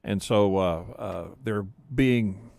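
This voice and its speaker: A man speaking as a museum guest on a radio show, rambling with frequent pauses. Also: on the low side, creaky, darkish tone, no room sound. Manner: rambling, many fillers and restarts. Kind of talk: casual talk radio chat.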